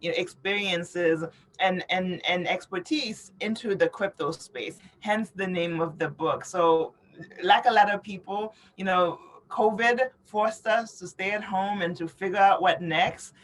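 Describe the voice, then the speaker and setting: Unhurried and mid-range, the middle-aged woman, born in Haiti and brought up in New York City, explains her points earnestly as an interview guest. This author and advocate keeps checking in with "you know" and "right?".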